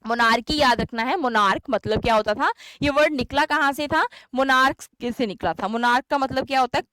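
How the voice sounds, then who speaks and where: A woman's voice: sits high, a little fast, a bit bright, no room sound. Chatty Indian woman teaching English. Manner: chatty, asks and answers her own questions. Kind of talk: exam-prep lesson.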